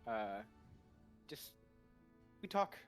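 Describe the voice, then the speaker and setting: A man's voice: mid-range voice, sing-song, very slow, faint music behind, pitched below the performer's own voice. A man voicing a timid, eager robot tavern server in a tabletop game, stammering and hesitant. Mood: hesitant, meek.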